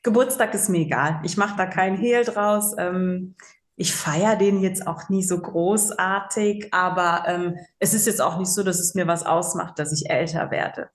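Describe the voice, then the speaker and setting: A woman's voice: fairly low pitch, fairly even intonation, moderate pace. A woman in her forties, a psychological counselor, telling stories in a casual interview with lots of fillers. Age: 40s. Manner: chatty storyteller, many fillers, laughs easily. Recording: roomy echo.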